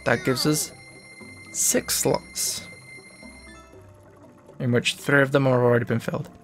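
A man's voice: medium pitch, measured pace, music in the background. A man giving casual, explanatory commentary as he plays through a video game. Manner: relaxed, explanatory, self-correcting. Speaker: let's play host.

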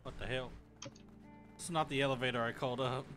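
A man's voice: mid-range voice, steady tone, brisk, fairly bright tone, faint music behind. A young man giving casual co-op gameplay commentary, swearing and joking at the game. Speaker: gaming video host.

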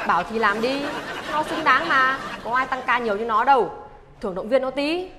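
A woman's voice: high voice, animated, fairly quick. A woman playing a firm boss who scolds but is fair, heard in an echoey space with crowd noise. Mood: scolding. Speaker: shop's boss. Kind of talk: comedy sketch acting.

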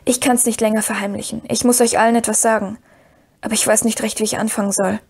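A woman reading the part of Frodo, a worried young male hobbit who speaks hesitantly and gravely. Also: on the high side, level tone, fast, darkish tone. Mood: troubled. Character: earnest young male hobbit, burdened and anxious.

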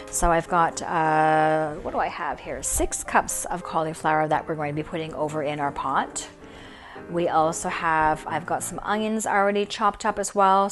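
A middle-aged woman hosting a cooking show in her home kitchen, explaining each step in a friendly way with a few fillers. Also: fairly low pitch. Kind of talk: cooking demonstration.

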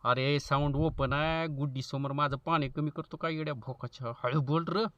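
A man voicing a young man hiding on a secret date, scolding his friend in a hushed, annoyed voice. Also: on the high side, fairly even intonation, moderate pace, dry recording, lo-fi sound, voice pushed down, close to an everyday voice. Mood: hushed irritation.

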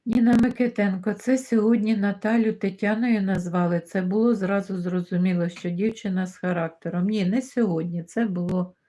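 A woman's voice: lowish voice, dark tone. A middle-aged woman hosting a live stream, reading out viewer comments and greeting each viewer by name in a casual chat. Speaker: livestream host reading chat.

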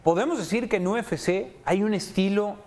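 A man's voice: sits high, moderate pace, darkish tone. A man interviewing two fighters, conversational and encouraging, often tagging questions with a check. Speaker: sports interviewer.

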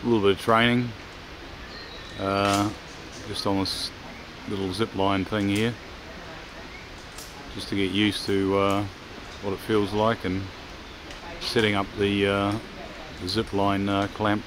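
Low flat-sounding guy doing travel vlog narration outside, lots of uhs, noisy background. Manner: unhurried, many "uh" pauses, matter-of-fact. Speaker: travel vlogger. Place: outdoors at a forest waterfall park. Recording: noisy outdoor ambience.

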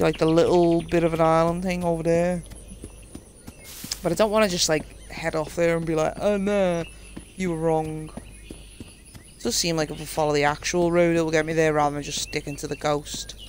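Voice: mid-range voice, level tone, normal speed, long pauses, slight background noise. A game streamer with a British accent, chatting casually and swearing freely while playing. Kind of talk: casual live-stream commentary. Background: game music.

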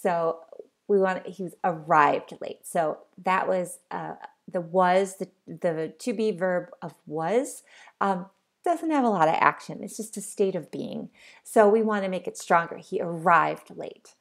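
A woman's voice: fairly low pitch, measured pace, creaky. A woman giving a recorded online lecture as a college English instructor, explaining in an unscripted way with many ums and uhs.

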